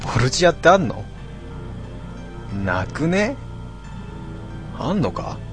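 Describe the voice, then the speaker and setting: A man hosting a casual late-night stream, reading out listener comments with grumbling asides and frequent throat clearing. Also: fairly high pitch, sing-song, slow, soft background music. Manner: grumbling, talks to himself, mock-annoyed asides.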